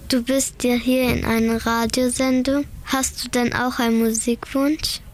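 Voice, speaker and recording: A young woman interviewing her mother for a radio show, asking plain, steady questions. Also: fairly high pitch, a little slow. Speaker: interviewer, daughter.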